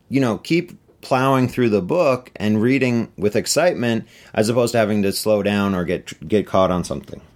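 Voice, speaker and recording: A middle-aged man, an author, answering interview questions in a relaxed, chatty way with many fillers. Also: fairly low pitch. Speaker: author on book tour.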